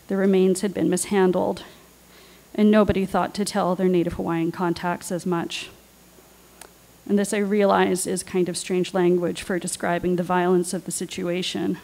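A woman on a panel, reading her own personal essay aloud in a measured, deliberate way. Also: lowish voice, gravelly, darkish tone, poor audio. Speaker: writer and panelist.

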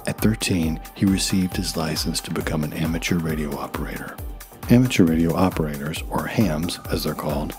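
Very deep-voiced man narrating wryly. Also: a little fast. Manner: wry, self-deprecating asides. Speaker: YouTube narrator. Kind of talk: scripted documentary narration. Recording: faint music behind voice. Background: faint music.

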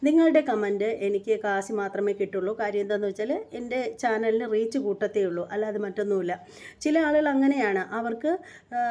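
A woman's voice: medium pitch, mellow. A woman, hosting a reaction channel and talking casually to her viewers in a chatty, repetitive way. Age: 40s. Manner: chatty, repetitive, sometimes indignant.

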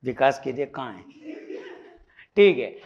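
A man's voice: medium pitch, animated, a little slow, creaky, a little mellow, highs cut off. A man from India teaching a physics class, quizzing students with repeated questions and teasing asides, mixing English terms into Hindi. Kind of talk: classroom lecture.

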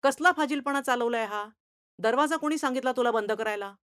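A woman voicing a stern, irritable male schoolteacher who scolds and lectures loudly in a read-aloud story. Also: medium pitch, expressive, normal speed, no room sound, studio quality, close to an everyday voice. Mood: angry. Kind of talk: storytelling reading.

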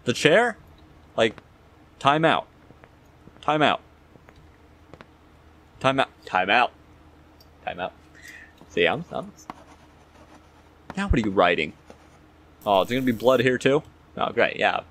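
A man's voice: medium pitch, sing-song, slow pace, pauses often, fairly bright tone, a little hiss or hum. A young man commenting casually on a horror game as a scared streamer, jittery and slangy, muttering to himself. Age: young adult.

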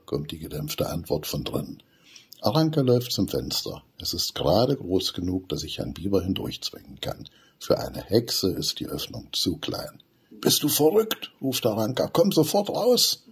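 A man reading a children's story aloud as storyteller, in an expressive, animated way. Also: deep voice, slightly rough.

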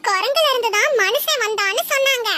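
A woman's voice: very high voice, fast talker, noisy background. A woman voicing a sly, cheeky little girl in a comedy sketch, talking with mock innocence.

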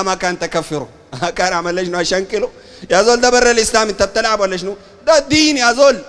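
A man with a Sudanese Arabic accent preaches bluntly and combatively, his voice high-pitched and his delivery rapid. A long reverb trails his words through a large hall. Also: fairly bright tone. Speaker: sheikh preacher. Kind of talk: sermon and discussion talk.

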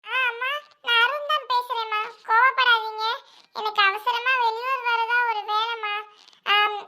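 A high-voiced performer playing a young adult son who phones his mother and pleads with her in an amateur voice drama. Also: bright, forceful tone, heavily acted. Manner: pleading, explains in a rush with hesitant "ah"s.

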